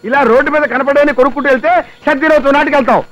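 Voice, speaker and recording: A grumbling henpecked husband. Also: male voice, extremely high pitch, steady tone, rapid-fire, a bit bright, muffled recording. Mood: exasperated. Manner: complaining, exasperated. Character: exasperated husband, grumbling, self-pitying.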